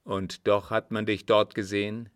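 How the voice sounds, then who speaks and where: A man voicing a cold, guarded older desert sheik in an audiobook reading, with a measured, cool delivery. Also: fairly low pitch, flat delivery, dry recording, clean studio sound, close to an everyday voice.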